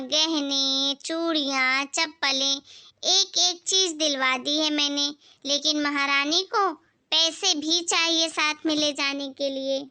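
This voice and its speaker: A woman voicing a bossy, stingy middle-aged mother-in-law in an amateur family skit, speaking slowly in a scolding, dismissive way. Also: high voice, bright, forceful tone, full character voice.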